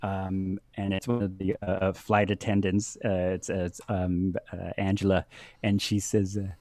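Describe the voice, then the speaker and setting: A man narrating a tabletop game as game master, halting with many restarts and frequent laughter. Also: low voice, level tone, warm tone, dry recording, clean studio sound.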